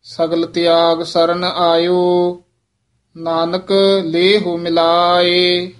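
A man with a high, steady voice leads a recitation lesson. He reads each line very slowly in a chant-like way, then adds brisk, low asides that mark the pauses. His tone stays in a narrow band. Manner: slow chant-like reading with quick quiet corrective asides. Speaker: recitation teacher.

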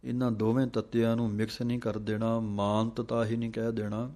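Male recitation teacher. Low, steady, flat delivery; slow chanting mixed with brisk spoken pointers. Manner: slow chanted verses alternating with quick spoken explanations. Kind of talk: recitation lesson, chanting verses then explaining pronunciation.

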